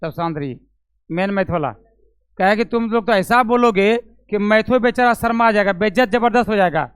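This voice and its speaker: A man's voice: high-pitched, moderate pace, fairly bright tone, clean tone, dry recording. A man teaching physics to a classroom of students, questioning them, repeating each step aloud and calling on them by name, with a Bihari Hindi accent. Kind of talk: classroom lecture.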